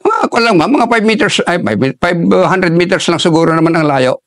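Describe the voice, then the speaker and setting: An older man, an army veteran, telling a war story in an interview in a halting way, with many restarts, and dropping his voice for quoted lines. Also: high voice, expressive, a bit bright, dry recording, clean studio sound. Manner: halting, restarts often while recalling combat.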